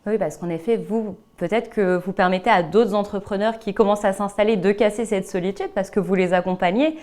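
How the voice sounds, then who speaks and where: A woman hosts an interview informally, rewording her questions and padding them with small tag words. Her voice is medium-pitched and darkish, and she speaks a little fast.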